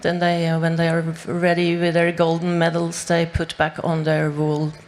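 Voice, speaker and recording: A woman's voice: lowish voice, completely flat delivery, moderate pace, darkish tone, slight background noise. A woman from Norway, a native Norwegian speaker, talking on a panel with many fillers and restarts. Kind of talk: panel discussion.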